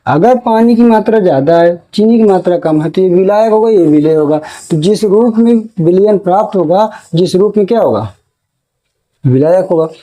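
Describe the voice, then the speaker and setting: High-voiced man teaching chemistry. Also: expressive, warm tone, poor audio. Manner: asks questions and answers them himself; repeats key terms slowly. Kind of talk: classroom lecture for board exam.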